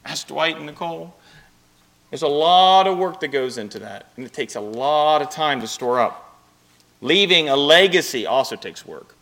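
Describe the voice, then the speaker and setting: Animated, bright-voiced male preacher. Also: on the high side, normal speed, gravelly. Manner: animated storytelling preacher, rising to emphatic bursts. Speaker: pastor. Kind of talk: sermon.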